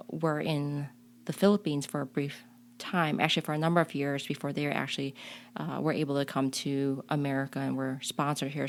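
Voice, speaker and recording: In an interview conversation, a woman with a low, gravelly voice speaks earnestly and reflectively as a guest, frequently restarting her sentences. She is a community leader who was born in a refugee camp on the Cambodia-Thailand border and raised in Chicago.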